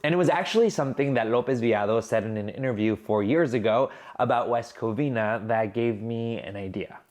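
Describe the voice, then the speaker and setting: A man hosting a news explainer, narrating a script in a clear, explanatory way. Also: mid-range voice, brisk, a little mellow. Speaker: host and video journalist.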